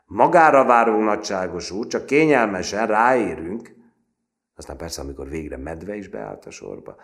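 A man narrating a literary novel as an audiobook, measured and expressive. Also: very deep voice, vocal fry. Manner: measured and expressive, voices characters.

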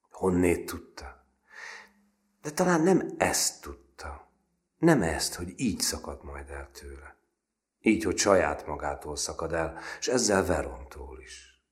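A man with an extremely deep, low voice reads a literary novel aloud as audiobook narration. His reading is measured and unhurried, and the ends of his phrases often fall away into a hushed, almost whispered breath.

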